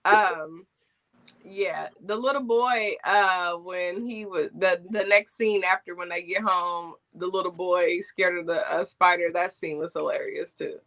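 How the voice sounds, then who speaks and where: A woman hosting a casual livestream movie chat, telling scenes in a lively way and laughing often. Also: on the low side, a little slow. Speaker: host.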